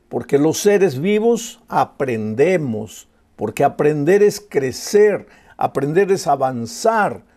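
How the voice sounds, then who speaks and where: Impassioned preaching man, fairly high voice. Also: dark tone. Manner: impassioned preaching with rhetorical questions and repetition. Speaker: pastor. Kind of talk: sermon.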